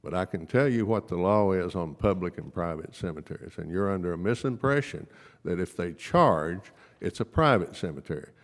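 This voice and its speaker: A man's voice: low voice, animated, moderate pace. A man speaking as a county official at a public meeting, firm, emphatic and legalistic, repeating his points. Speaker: county official, attorney for the court. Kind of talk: formal remarks at a public meeting. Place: large public meeting room. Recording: echoey meeting hall.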